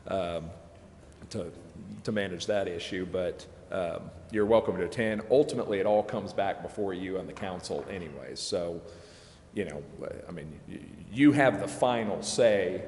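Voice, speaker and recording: A deep-voiced man, legal adviser to a city council, explains procedure during a public meeting in an informal, hedging way at a moderate pace with a darkish tone. The council chamber is echoey and reverberant, with background noise.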